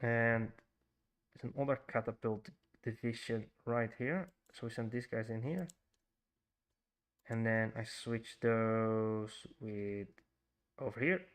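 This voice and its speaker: He speaks slowly and pauses often, his mid-range voice clean in tone, as he streams with a Frisian Dutch accent. The commentary is relaxed and chatty: he greets chat, thinks aloud, and keeps restarting with plenty of fillers.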